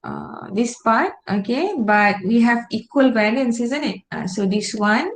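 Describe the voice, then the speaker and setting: A Malaysian woman teaches an online class in a fairly high voice. She explains very slowly and step by step, in informal Malaysian slang English, often stopping for an okay or a short question. The room sounds echoey. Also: lively intonation, a little hiss or hum. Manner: checking with short questions and repeated okays. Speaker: statistics lecturer. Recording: roomy, echoing online class audio.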